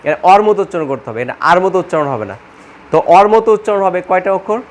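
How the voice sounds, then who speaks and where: A man's voice: high-pitched, big pitch swings, darkish tone. Patient Bengali-speaking male teacher. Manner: patient, repeats questions and answers them himself; recites letters slowly one by one. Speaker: Quran reading teacher. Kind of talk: step-by-step spoken lesson.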